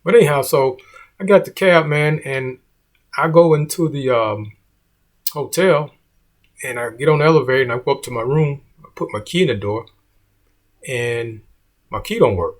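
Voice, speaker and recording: Comedian, man, middle-aged; easygoing husky storyteller, mid-pitched, drops "man" throughout. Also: moderate pace, pauses often. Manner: laid-back, peppers lines with "man".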